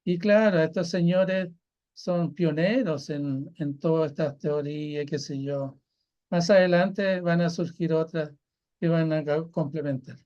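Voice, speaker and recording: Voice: mid-range voice, steady tone, measured pace, a little mellow. Reflective student, muffled line. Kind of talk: class discussion.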